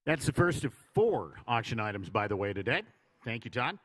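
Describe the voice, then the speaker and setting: A man with an American accent hosting a live ceremony, introducing honorees in a formal, measured build-up. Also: mid-range voice, big pitch swings, fairly bright tone, breathy edge, no room sound. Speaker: ceremony host.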